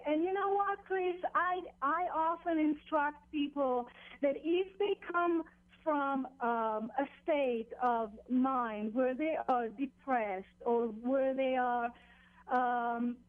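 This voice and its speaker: A woman with a high voice speaks as a guest teacher over a narrow telephone line. She explains things deliberately, pausing and repeating phrases, with no room echo. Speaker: meditation teacher, phone interview guest. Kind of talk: explanatory radio interview, spiritual instruction. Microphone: phone.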